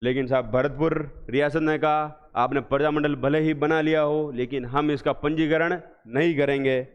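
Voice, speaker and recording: A man teaching an exam revision class, asking questions again and again and answering them slowly and with emphasis. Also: a little high, steady tone, clear, resonant tone. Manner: drills students with repeated questions, slow emphatic answers. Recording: echoey hall, dull lo-fi sound.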